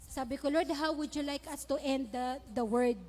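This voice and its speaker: High-voiced woman pastor preaching in a hall. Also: normal speed, darkish tone. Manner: humorous storytelling mixed with Taglish preaching. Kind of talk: sermon. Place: church hall. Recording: long reverb of a church hall.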